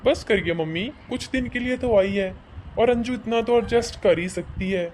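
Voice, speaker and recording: A man's voice: high voice, moderate pace, darkish tone, a little hiss or hum, lightly acted. A man voicing a young adult son in a cartoon who sides with his sister, firm and dismissive. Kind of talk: cartoon voice acting.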